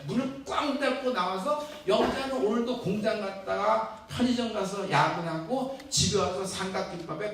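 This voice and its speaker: A pastor preaching in a very echoey church hall, his high voice reaching the mic from a distance. He tells a story with animation and keeps putting questions to the congregation. Faint noise sits under the sound. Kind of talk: sermon.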